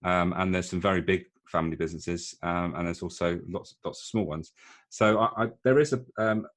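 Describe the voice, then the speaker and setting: A middle-aged man from the UK, a guest talking through his work as a leadership coach, pausing often with fillers and restarts. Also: low-pitched. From United Kingdom. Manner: hesitant, many fillers and restarts. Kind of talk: casual interview talk.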